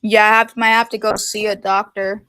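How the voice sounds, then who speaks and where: A woman's voice: medium pitch, level tone, brisk, sharp tone, smooth, no echo. Woman, thirties, home live-stream seller; loose rambling chat, dry close recording. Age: 30s. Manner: rambling, heavy use of "like". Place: at home in her room.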